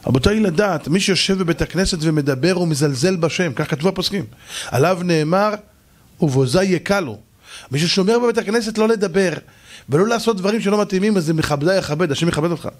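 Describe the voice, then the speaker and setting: A man, a rabbi, giving a sermon with animated storytelling and speaking directly to his listeners. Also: high-pitched.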